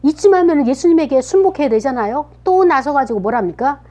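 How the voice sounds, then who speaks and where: A woman's voice: sits high, animated, fast, dark tone, highs cut off. A woman pastor preaching a sermon, retelling scripture with dramatized quotes that rise to emphatic peaks.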